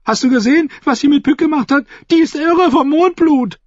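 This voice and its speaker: A shrill, whining cowardly jester. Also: male voice, a little fast, no echo, highs cut off. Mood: mocking. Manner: high whiny pleading voice.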